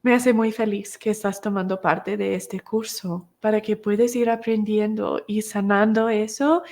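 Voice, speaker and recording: A woman's voice: medium pitch, fairly even intonation, unhurried, a little mellow. A woman teaching an online course in a conversational way, acting out little dialogues and answering viewers' comments. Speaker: course instructor.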